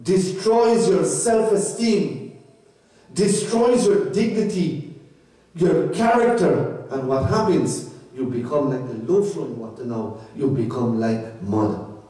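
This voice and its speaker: A man preaching a sermon to devotees, swinging his pitch high and low for emphasis. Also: lively intonation, takes it slowly, dark tone, very echoey, recorded from a distance, rough recording. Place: temple hall.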